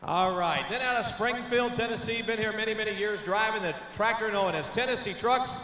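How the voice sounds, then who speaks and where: A man announces a tractor pull over a public address system. His voice is high, with drawn-out names, echoing around a big hall over faint noise. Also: pushed and bright. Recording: echoey arena PA with faint noise.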